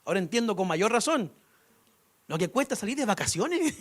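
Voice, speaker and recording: A man's voice: high voice, big pitch swings, normal speed. A young man preaching a sermon in a conversational way, with humor and rhetorical questions. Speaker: pastor.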